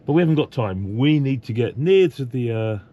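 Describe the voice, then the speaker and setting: A man's voice: medium pitch, expressive, a little fast, muffled recording. Chatty man on a road trip. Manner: chatty, rambling with many fillers and restarts. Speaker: vlogger. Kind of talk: casual travel vlog chat and voice-over. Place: motorhome on the road.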